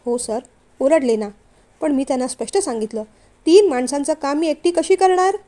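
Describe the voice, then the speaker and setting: A woman's voice: on the high side, fairly quick, dark tone, natural voice. A woman voicing a frank, bold young female employee in a storybook reading.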